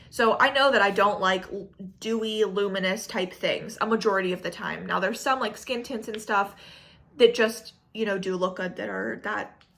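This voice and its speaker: A woman's voice: medium pitch, fairly bright tone. A pregnant young woman talking casually and frankly to camera, rambling with lots of fillers as she reviews used-up makeup. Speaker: beauty vlogger. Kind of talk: casual chatty product review.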